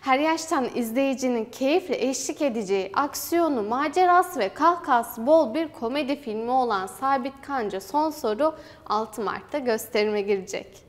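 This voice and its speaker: A young woman presenting film news for university television, reading a script in a formal, even way. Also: sits high. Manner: even, formal read-aloud delivery. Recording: hall reverb.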